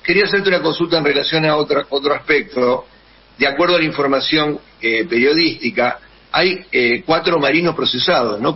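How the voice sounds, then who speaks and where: A man with an Argentine accent, a radio co-host talking over a bad connection, halting and restarting his sentences. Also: mid-range voice, slightly rough. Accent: Argentine Spanish. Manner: halting, with many restarts and fillers. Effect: bad connection, lo-fi call line. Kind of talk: radio talk show questions. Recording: muffled bad-connection line, distant.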